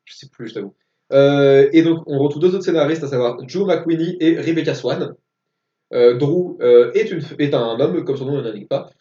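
Co-hosting a laid-back film podcast, this man speaks at a moderate pace in a fairly high but dark-toned voice, going through facts and dates one by one. His distant, dull mic picks up an echoey room.

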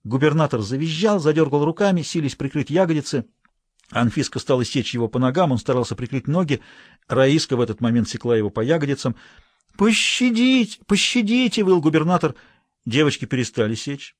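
A man reading fiction aloud as narrator with an expressive, dramatic delivery. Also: mid-range voice, fast, no room sound. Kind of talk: audiobook reading.

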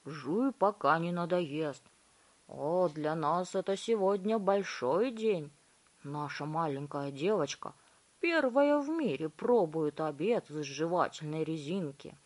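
Proud storybook dad read by a woman: stern, blustering, lower and slow. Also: expressive, darkish tone, heavily acted. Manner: stern then boastful, lower voice. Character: proud, blustering middle-aged father.

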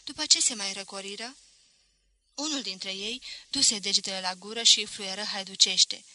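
A woman narrating a literary novel in a steady, expressive storytelling manner. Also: mid-range voice, no echo, rough recording. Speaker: audiobook reader.

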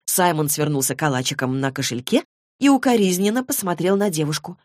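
A woman narrates an audiobook in a measured, even manner. Her voice sits on the low side. The studio sound is dry and close. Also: no room sound. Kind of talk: scripted narration.

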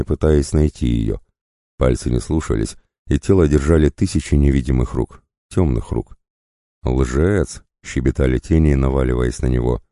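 A man reading a dark fantasy story aloud as an audiobook narrator, in a measured, grave way. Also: a bass voice, dry recording, studio quality.

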